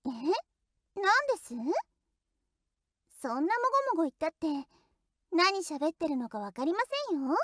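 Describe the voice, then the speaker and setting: A woman's voice: high voice, lively intonation, normal speed, long pauses, no room sound, clean studio sound. A woman voicing a teasing, playfully cruel young female shrine maiden in an audio role-play drama, speaking politely in a sing-song tone.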